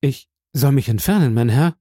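A man's voice: medium pitch, lively intonation, normal speed, dark tone, no echo, studio quality, close to an everyday voice. A man voicing a passionate, grief-stricken young man who speaks in fervent, insistent repetitions. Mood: pleading.

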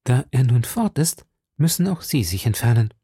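A loyal, anxious young woman giving hushed, urgent warnings, as a male reader puts her on, in a storybook reading. The voice stays gravelly and close in a dry space. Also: mid-range voice, big pitch swings, normal speed, dry recording.

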